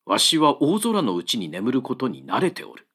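A man's voice: medium pitch, normal speed, breathy edge, full character voice. A man voicing a fearless wandering monk who speaks cheerfully and steadily in an old-fashioned way. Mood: serene. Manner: cheerful, steady, archaic speech.

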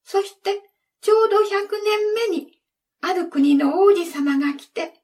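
A young fairy, gentle but firm, offering formal reassurance in a very high voice, as a woman storyteller plays her. She speaks slowly and earnestly. The storybook voice sits well back from the mic. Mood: reassuring. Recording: distant from the mic.

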